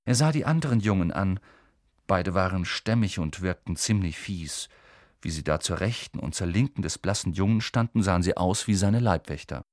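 A man reading a children's novel aloud as an expressive audiobook narrator. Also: low-pitched, moderate pace, dry recording, studio quality. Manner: expressive, lively storytelling.

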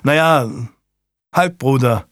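A man's voice: medium pitch, slow, a bit bright, no echo, studio quality. A man voicing a curt, guarded young male servant in a storybook.

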